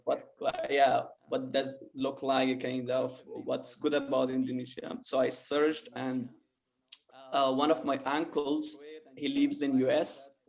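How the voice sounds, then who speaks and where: A young Afghan man, a former journalist now doing a master's, speaks earnestly as a guest on an online panel via a webcam video call, with muffled audio. His mid-range voice is flat, slow and has vocal fry, and he sounds hesitant, saying um frequently.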